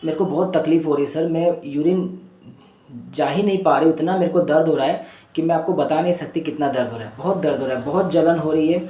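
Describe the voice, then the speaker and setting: A man's voice: a little high, quick pace, warm tone, lightly acted. A man retelling a pained woman patient pleading. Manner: pleading, repetitive, addresses him as sir. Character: distressed woman patient in burning pain. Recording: echoey room.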